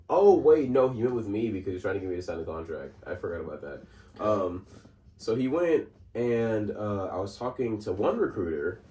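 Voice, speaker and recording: A man's voice: on the low side, dark tone, far from the mic. A man co-hosting a casual podcast, telling a story with lots of fillers, restarts and laughter. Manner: rambling, laughs often, many fillers and restarts. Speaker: podcast co-host. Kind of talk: casual chat. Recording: roomy sound from off-mic, faint noise.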